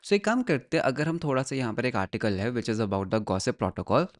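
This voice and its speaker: A man's voice: mid-range voice, moderate pace. A man teaching a tech tutorial in a mix of Hindi and English, often checking in with "right?" and repeating phrases as he points through a diagram. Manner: explains in Hindi mixed with English terms, checks in with "right?" and "ठीक है?". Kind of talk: screen-recorded tech tutorial.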